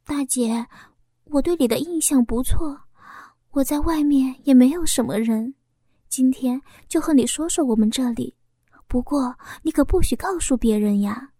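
A woman voicing a shy young village wife who speaks in a hushed, confiding way. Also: sits high, normal speed, no room sound, studio quality.

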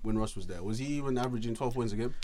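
A man co-hosting a casual basketball podcast, mocking a player with animated rants and frequent laughter. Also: medium pitch, very fast, a crowd in the background. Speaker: podcast co-host. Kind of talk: casual sports chat.

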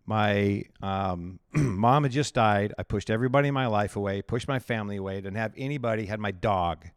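A man's voice: lowish voice, a little fast, smooth, dry recording, clean studio sound. A male pastor telling his life story in an interview, candid and chatty, often laughing at himself.

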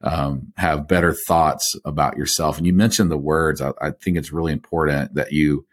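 A man's voice: extremely low pitch, steady tone, moderate pace. A man hosting a podcast, asking thoughtful, rambling questions in a casual interview. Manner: thoughtful, rambling, restarts phrases. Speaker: podcast host.

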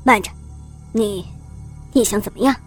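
Woman doing a bossy male chairman, indignant and loud, a bit lower than her narrating voice. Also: normal speed, soft background music, lightly acted. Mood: uneasy. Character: angry rich male company chairman.

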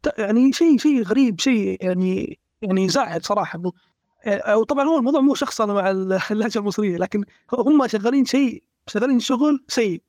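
Man, rapid-fire blunt talk, high voice, dry close sound. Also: darkish tone, no room sound. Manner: blunt, emphatic complaining. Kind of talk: casual gaming discussion.

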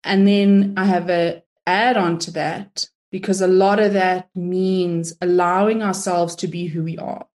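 A woman, a guest in a casual interview, talking in a chatty, animated way and acting out her own inner thoughts. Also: on the low side, a little slow, few pauses. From South Africa.

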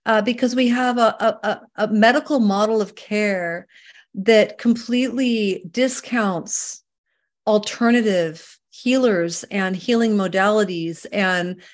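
Speaking at a medium pitch, a middle-aged holistic healer from Canada responds to interview questions with earnest emphasis, occasionally slowing her delivery to make a point.

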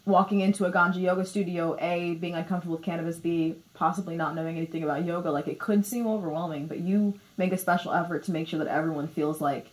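A woman podcast host chatting in a relaxed way, her talk full of "like"s. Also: on the low side, fast talker, few pauses, rough recording. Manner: relaxed, filler-heavy talk with many "like"s. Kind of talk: casual podcast chat.

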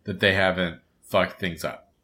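Bright-voiced man rambling with fillers. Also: sits low, fairly even intonation. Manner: rambling, halting with many fillers and restarts. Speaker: podcast co-host. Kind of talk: casual chat about a cartoon episode.

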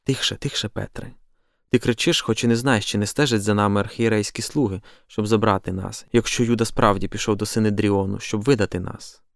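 A man reading the part of a calm, doubting apostle who speaks in a measured, reflective way. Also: lowish voice, gravelly, no echo, clean studio sound. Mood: hushing.

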